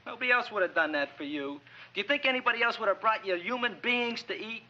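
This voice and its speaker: A man's voice: high-pitched, fast, sharp tone. An actor playing a meek, flustered, eager young man with an American accent in a 1960s comedy film. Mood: exasperated. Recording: dull old film soundtrack, faint music.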